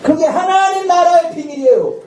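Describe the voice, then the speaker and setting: A male pastor preaching a sermon with lively energy, often shouting out dramatic lines and laughing. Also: very high-pitched, moderate pace, crowd noise. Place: church sanctuary at a Friday night service. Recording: echoey church hall, distant mic, faint noise.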